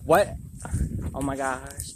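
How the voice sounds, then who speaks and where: Taking his time, a man in his twenties chats with his "y'all" audience while vlogging along a nature trail. His medium-pitched voice is steady and somewhat dark. A little hiss or hum creeps into the outdoor recording from his clip-on lapel mic.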